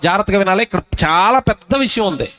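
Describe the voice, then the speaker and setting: High-voiced man preaching emphatically. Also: lively intonation, bright, forceful tone. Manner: emphatic, asks the crowd repeated rhetorical questions; reads scripture slowly and deliberately. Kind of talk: sermon at a public meeting. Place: outdoor public gospel meeting.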